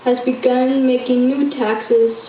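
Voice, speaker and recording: Careful high-voiced woman narrator. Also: level tone, slow pace. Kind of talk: school project narration. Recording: echoey room, dull, faint noise.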